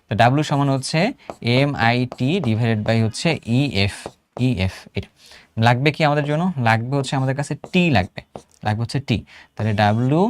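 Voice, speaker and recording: A man in his thirties with a Bangladeshi Bengali accent, teaching an online exam-prep chemistry lesson in a chatty way, repeating phrases and quizzing his students. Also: mid-range voice.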